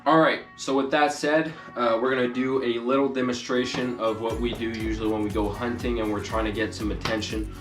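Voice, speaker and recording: A man's voice: medium pitch, flat delivery, brisk, few pauses. A man giving an informal hands-on tutorial as a hunting instructor, explaining loosely and casually. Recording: distant mic, echoey, music behind.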